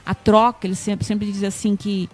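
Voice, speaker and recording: A woman's voice: medium pitch, little pitch movement, fairly quick, a little mellow. A Brazilian woman, a teacher, explaining earnestly as a guest in a TV interview and repeating her key points. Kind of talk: TV studio interview.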